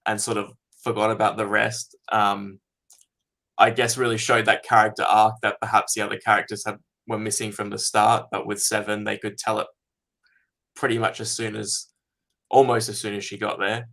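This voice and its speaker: A man's voice: fairly low pitch, little pitch movement, normal speed, creaky, a bit bright. A man, a fan filmmaker being interviewed, talking casually and thoughtfully with many ums.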